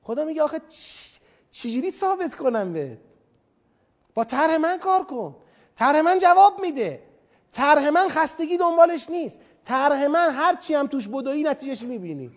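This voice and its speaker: A preacher voicing God, exasperated and pleading. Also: male voice, fairly high pitch, warm tone, long reverb tail, pitched below the performer's own voice. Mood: insistent. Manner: exasperated, reasoning like a craftsman with a customer. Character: God pleading with stubborn humans.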